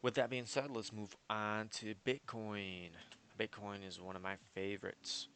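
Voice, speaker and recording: A man's voice: lowish voice, little pitch movement, measured pace, a bit bright, a little hiss or hum. A man walking through his trading chart analysis in a casual, confident and rambling way, with lots of fillers. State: hiccups. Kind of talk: casual screen-share market analysis.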